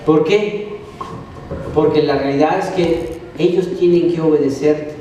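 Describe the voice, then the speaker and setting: Mexican male preacher, high and mellow, rhetorical-question sermon, distant mic with heavy hall echo. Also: fairly even intonation, unhurried, a little hiss or hum. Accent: Mexican Spanish. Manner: asks the congregation questions and answers them. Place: church hall.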